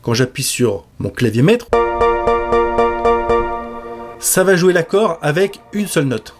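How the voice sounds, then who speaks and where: A man giving a relaxed step-by-step music software tutorial with casual fillers. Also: on the high side, normal speed. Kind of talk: screen-recorded software tutorial.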